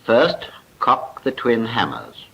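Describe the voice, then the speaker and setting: A British man narrates slowly in a mid-range voice that is gravelly, bright and forceful with a breathy edge, swinging hugely in pitch. His formal, precise script mimics a 1940s military training film, recorded as a film voice-over on a muffled, noisy 1940s soundtrack.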